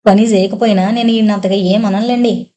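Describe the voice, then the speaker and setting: A woman's voice: mid-range voice, steady tone, normal speed, warm tone, close to an everyday voice. A woman voicing a chatty, deferential village servant man who speaks in rustic dialect.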